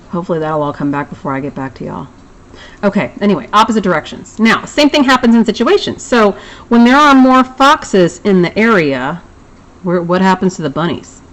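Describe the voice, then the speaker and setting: A woman's voice: mid-range voice, slight background noise, rough recording. Chatty math teacher woman. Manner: chatty, self-deprecating asides. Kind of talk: recorded classroom lesson.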